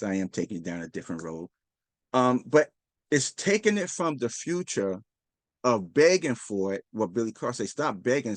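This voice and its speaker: A man's voice: medium pitch, no echo. A man hosting a casual motivational talk, earnest and rambling, often restarting his sentences and acting out quoted dialogue. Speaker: host.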